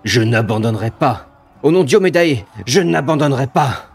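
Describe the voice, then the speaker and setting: A man's voice: medium pitch, animated, moderate pace, breathy edge, pitched above the performer's own voice. Man playing a defiant wounded woman warrior, raised voice. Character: wounded, defiant female warrior swearing by her god. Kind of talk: dramatic video game dialogue read aloud.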